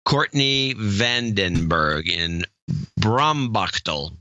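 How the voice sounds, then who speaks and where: This time the lowish, animated voice sounds bright and forceful, though the highs are cut off. The podcast co-host reads donor names haltingly in a casual chat, fumbling pronunciations and joking between entries.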